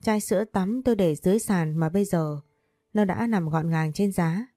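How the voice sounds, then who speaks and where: A woman's voice: fairly low pitch, moderate pace, warm tone, no echo. A woman narrating a first-person romance story in an earnest, emotional way.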